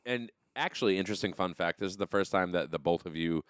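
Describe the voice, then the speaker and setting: A man with a low, clean voice hosts a loose, casual chat show. He doubles back on his words and swears freely. The sound is dry, with very little room. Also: smooth, no echo. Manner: halting, repetitive, foul-mouthed. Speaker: host. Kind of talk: casual podcast banter.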